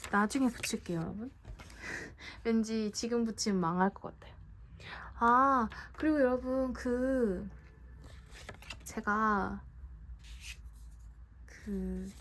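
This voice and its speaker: A young woman vlogging an unboxing in a chatty, gushing way, often dropping to a soft whisper, indoors at home. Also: fairly high pitch, takes it slowly, long pauses, a little hiss or hum. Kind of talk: unboxing vlog.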